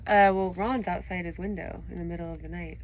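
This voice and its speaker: An audiobook reader and show host with a lowish, steady voice reads storybooks aloud expressively, speaking a little fast. She then chats casually about the stories with a child listener, with slight background noise present.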